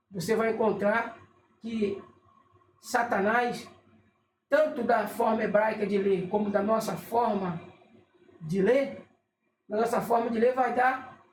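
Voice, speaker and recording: A religious teacher, explaining casually while reading from a list, often checking in with the listener and stopping to correct themself. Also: mid-range voice. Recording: echoey room with faint noise.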